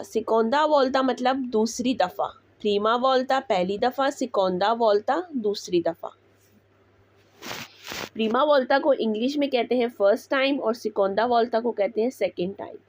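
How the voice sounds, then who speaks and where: A woman teaching Italian words, repeating each one slowly before explaining it. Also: fairly high pitch, no echo. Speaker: language teacher. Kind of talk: slow Italian vocabulary lesson.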